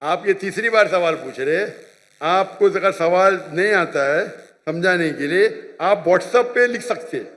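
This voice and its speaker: A man's voice: high voice, lively intonation, unhurried, a bit bright, long reverb tail. A man answering an audience question at a public religious talk, lecturing emphatically and often checking that he is understood. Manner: lecturing, emphatic, repeats points with "you understand?". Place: large hall with an audience.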